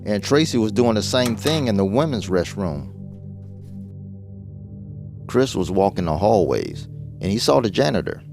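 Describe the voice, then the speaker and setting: A low-voiced man narrates a first-person horror story with a very animated, swinging delivery. Soft music plays underneath his voice. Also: creaky. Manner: voices all the characters in quotes, jumping up in pitch for dialogue.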